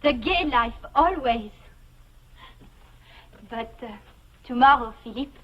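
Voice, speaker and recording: A woman's voice: on the high side, slow pace. An actress playing a coquettish, uneasy woman in a secret romance, refined and theatrical in 1950s television drama style. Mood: coy. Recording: muffled 1950s television soundtrack.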